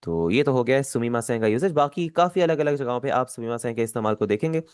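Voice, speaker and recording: A man teaching a language lesson, patiently explaining and repeating key words slowly. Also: medium pitch, expressive, darkish tone, clear, resonant tone, no echo, clean studio sound.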